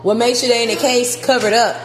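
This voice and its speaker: Chatty mom in echoey empty rooms. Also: female voice, a little high, fairly even intonation, brisk, music in the background. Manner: chatty and heartfelt, often laughing. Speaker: vlogger showing her new apartment. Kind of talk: casual livestream chat.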